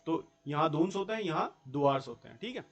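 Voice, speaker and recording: A man's voice: a little high, expressive, fairly quick, dull audio, faint music behind. A young man teaching a school geography class, explaining step by step in a mix of Hindi and English terms and checking in with his students. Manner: explains step by step, often checks in with "theek hai" and rhetorical questions.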